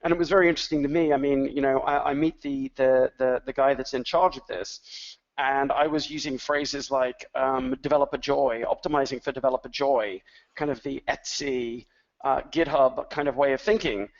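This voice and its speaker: A man's voice: medium pitch, steady tone, normal speed, vocal fry, highs cut off. A man speaking as an industry analyst on a webinar, rambling, with many fillers and restarts. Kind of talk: webinar talk.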